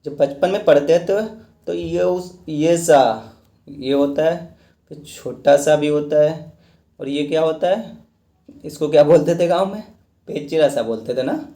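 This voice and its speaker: A man's voice: fairly high pitch, a little slow, mellow. A male teacher giving a lecture, explaining step by step, repeating points and asking and answering his own questions. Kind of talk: classroom lecture. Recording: echoey room.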